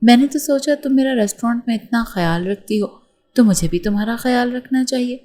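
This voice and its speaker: A woman's voice: medium pitch, darkish tone, close to an everyday voice. A woman voicing an arrogant, taunting rich young man. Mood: teasing.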